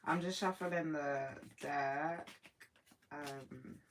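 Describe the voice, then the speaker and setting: A woman with a low, sleepy morning voice hosts a casual live stream. She talks in a relaxed, reflective way to her viewers. A faint hiss sits under the voice. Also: very slow. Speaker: livestream host.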